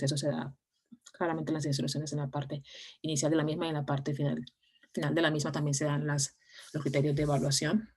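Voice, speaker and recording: Low-voiced woman teaching online. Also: a little mellow. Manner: explains step by step with frequent fillers and restarts. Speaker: English teacher. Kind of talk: online class explanation.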